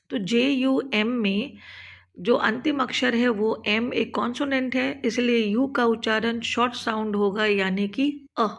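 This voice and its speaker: A woman with a Hindi-speaking Indian accent, narrating a scripted lesson for teachers and explaining each step in a steady way. She slows down to spell out English terms. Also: on the high side, gravelly. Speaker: teacher trainer.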